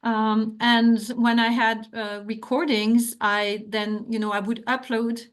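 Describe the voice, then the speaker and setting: Slow and smooth with a flat delivery, this slightly high-voiced woman is a French academic author of middle age who speaks with a French accent. She presents a talk and fields questions earnestly, hesitating and restarting frequently.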